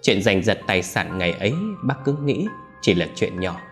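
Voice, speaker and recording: A man's voice: low-pitched, expressive, normal speed. A man narrating a story in a solemn, scripted storytelling manner. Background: faint music.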